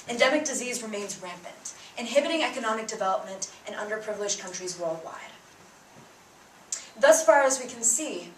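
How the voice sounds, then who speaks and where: Speaking earnestly and with emphasis, a young Bengali-speaking woman student delivers a prepared talk, her pitch rising as she opens each point. Her voice is a little high with a fairly bright tone, recorded on a distant mic in a roomy space with slight background noise.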